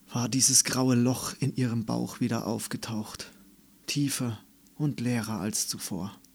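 Male narrator for a children's book, unhurried, calm, mid-pitched. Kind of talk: scripted storybook narration.

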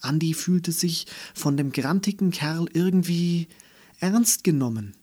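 Male narrator for a children's audiobook; calm, slow and slightly husky. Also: medium pitch.

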